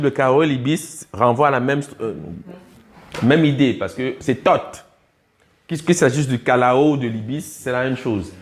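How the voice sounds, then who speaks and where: A man teaching a class, explaining step by step and often checking whether his students have followed. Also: a little high. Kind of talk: classroom lecture on language.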